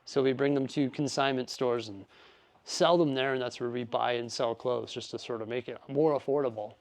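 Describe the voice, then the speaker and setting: A vlogger with a medium-pitched, steady voice chats casually and cheerfully while tidying his garage and studio, drifting into asides at a moderate pace. He sounds out of breath.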